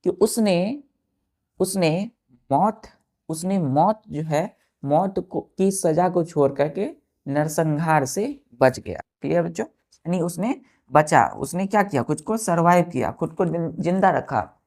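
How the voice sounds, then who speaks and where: A woman's voice: fairly low pitch, lively intonation, slow pace, a little mellow. A woman teaching a vocabulary lesson, addressing students as children and spelling words out letter by letter. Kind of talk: classroom lesson.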